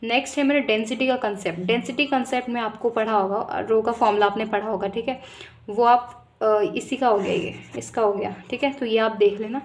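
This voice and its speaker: Brisk young woman tutoring exam topics. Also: a little high, steady tone. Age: young adult. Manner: brisk, repeats "ठीक है" often, direct to viewers. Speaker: medical student tutor. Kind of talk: casual exam-prep lesson.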